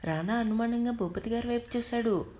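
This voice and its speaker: A woman storyteller with a slightly high voice narrates a story aloud. Her reading is steady and gentle. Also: fairly quick.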